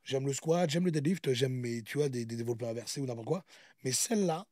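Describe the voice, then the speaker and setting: Host man, fast and mellow, animated and boastful. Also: mid-range voice, dry recording, clean studio sound. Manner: boastful, animated, talks over others. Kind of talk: casual chat.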